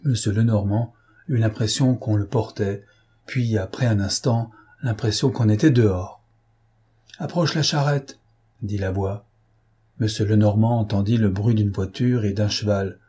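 A man narrates a novel in a steady, dramatic reading. His voice is low and husky. The tone is dark and mellow. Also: moderate pace. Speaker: audiobook narrator. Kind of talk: scripted narration.

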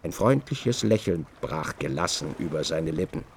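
A man giving measured, scripted literary narration for a radio drama. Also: extremely low pitch, expressive, creaky, slight background noise. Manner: measured, descriptive reading.

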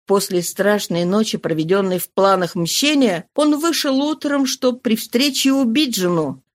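A woman narrating an audiobook in a measured, even reading. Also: medium pitch.

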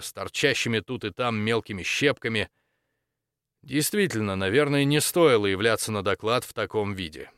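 A man narrating a fantasy audiobook in a steady, measured reading. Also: medium pitch, dry recording, studio quality. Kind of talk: scripted narration.

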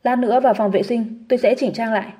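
A man's voice: very high voice, steady tone, fast talker, warm tone, slightly rough. Woman doing a flustered hungover young man. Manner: flustered, apologetic.

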